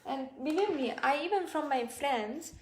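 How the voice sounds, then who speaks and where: Her voice is high-pitched with lively intonation at a normal pace, and there's slight background noise. She's a Buddhist Dhamma speaker in her twenties hosting a live talk stream, reading viewer comments aloud and answering them amiably but hesitantly with plenty of fillers and restarts, often thanking viewers.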